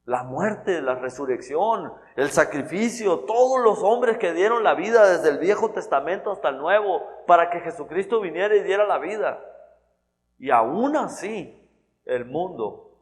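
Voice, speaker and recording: A man's voice: fairly high pitch, expressive, a little slow. A man preaching a sermon in an earnest, conversational way, often restarting and checking in with "¿verdad?". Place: church hall. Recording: long church-hall reverb.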